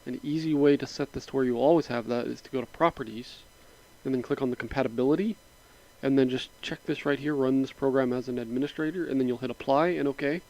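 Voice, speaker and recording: A mod tutorial narrator with a middle-pitched voice walks through a setup on his computer in a casual screen-recording, relaxed and rambling with frequent fillers and small asides between steps. A sinus infection leaves him slightly raspy, and the high frequencies in the audio are cut off.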